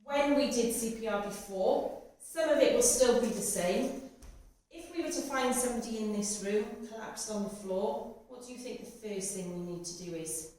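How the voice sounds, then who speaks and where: A woman from Cardiff, Wales, with a slightly high, slightly mellow voice at a moderate pace, teaches a practical first aid class and puts questions to learners. She speaks instructionally and repeats their answers back. The indoor training room is very echoey, with a distant mic and faint noise.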